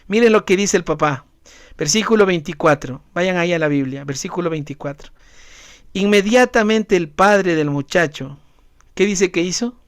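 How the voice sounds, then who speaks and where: Guy pastor preaching, high voice, close dry sound, keeps asking the church questions. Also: moderate pace, smooth, no room sound. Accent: Ecuadorian Spanish. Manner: emphatic, addresses congregation directly with rhetorical questions. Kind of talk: sermon.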